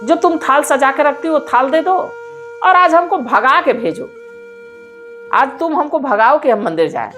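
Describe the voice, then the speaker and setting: Shrill scolding old mother-in-law, as a woman puts her on. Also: animated, a little slow, fairly bright tone, faint music behind. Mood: insistent.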